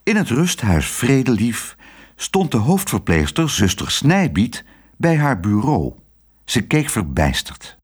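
A man reads a children's story aloud, his pitch rising and falling with great animation. His voice is husky and breathy, with an expressive, storytelling lilt. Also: takes it slowly. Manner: lively, expressive reading.

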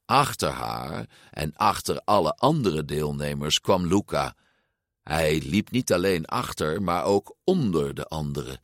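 A man reading a children's story aloud, slow and animated, giving each character a voice. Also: deep voice, no echo, studio quality. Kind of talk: storybook read-aloud narration.

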